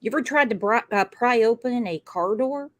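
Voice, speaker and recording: Blunt, higher-voiced woman commentator. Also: moderate pace, a bit bright. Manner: blunt, sarcastic, sweary. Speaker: true crime commentator. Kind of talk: casual case commentary.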